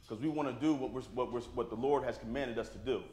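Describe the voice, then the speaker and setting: A man's voice: mid-range voice, fast, dark tone. A man preaching a sermon to his congregation, talking plainly and informally and checking in with "right?" after his points. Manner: call-and-response, asks the congregation "right?"; plain-spoken, informal grammar. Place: church sanctuary. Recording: echoey church room.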